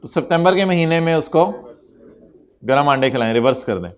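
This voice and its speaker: A man's voice: fairly high pitch, lively intonation, moderate pace. A man lecturing an accountancy class, teasing his students and dropping English terms into his explanation. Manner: code-switches into English terms.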